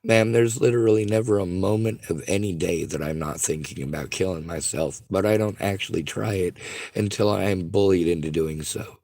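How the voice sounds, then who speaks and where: Man, caller, squeaky strained voice, gravelly, muted tone, aggrieved, earnest complaint. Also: moderate pace, a little mellow, dry recording. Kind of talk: distressed phone complaint.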